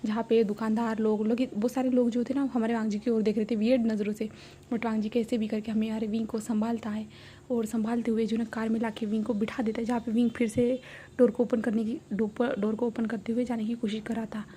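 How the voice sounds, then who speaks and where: Female storyteller, casual rambling recap, dark mellow voice, slightly high. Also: a little hiss or hum. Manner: rambling, many fillers.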